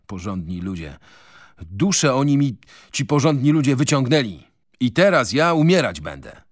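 A man's voice: mid-range voice, big pitch swings, moderate pace, no echo, studio quality. A man reading a novel on radio, voicing a bitter, mocking male prisoner who feels he is dying. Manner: sarcastic, impassioned. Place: radio studio.

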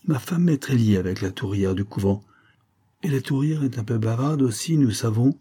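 A man's voice: mid-range voice, expressive, moderate pace, dark tone, husky. A man voicing a chatty older village innkeeper who confides local gossip. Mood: gossipy.

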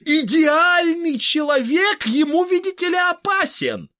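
A man's voice: extremely high pitch, sing-song, sharp tone, full character voice. A man playing a pompous preachy scientist. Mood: lecturing. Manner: slow, preachy, full of slogans. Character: pompous middle-aged male scientist demagogue. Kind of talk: audiobook character reading.

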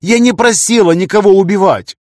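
A man's voice: medium pitch, normal speed, dry recording, clean studio sound, pitched above the performer's own voice, natural voice. A man voicing a captive young woman who is sulky and defiant, snapping and pleading by turns. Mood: shouting.

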